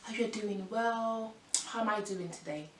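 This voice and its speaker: A woman's voice: medium pitch, a little slow. A woman in her twenties from France, vlogging in a casual, rambling way with lots of fillers and restarts. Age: 20s. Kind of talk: casual chat to camera. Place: room at home by a window. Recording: echoey room, mic at a distance, faint hiss.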